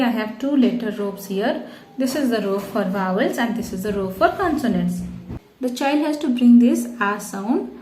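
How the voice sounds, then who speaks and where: A woman's voice: fairly high pitch, darkish tone, a little hiss or hum. A woman teaching preschool phonics, patiently explaining activities and stretching out letter sounds for children to repeat. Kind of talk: instructional phonics demonstration. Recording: echoey room.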